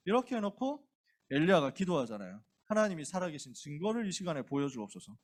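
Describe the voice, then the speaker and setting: A male pastor preaching to a youth group in a casual, colloquial way, acting out the characters as he tells the story. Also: sits high.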